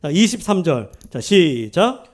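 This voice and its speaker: A man's voice: on the high side, very animated, unhurried, darkish tone. A man preaching a sermon as pastor, emphatic and full of rhetorical questions to the congregation. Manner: acts out quoted speech within the preaching.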